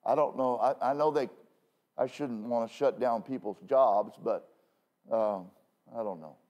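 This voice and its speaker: A male pastor preaching a sermon from the pulpit in a conversational way, full of self-deprecating asides and quick "okay?" checks with the congregation. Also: mid-range voice, a little mellow, highs cut off. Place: church pulpit.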